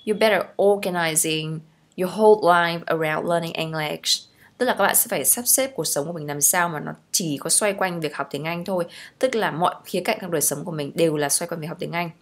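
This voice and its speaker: A young woman teacher with a Vietnamese accent walks through English phrases one at a time. Her voice sits a little low for a woman, and she keeps checking in with her students as she explains each one. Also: fairly quick. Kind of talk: language lesson explaining phrases.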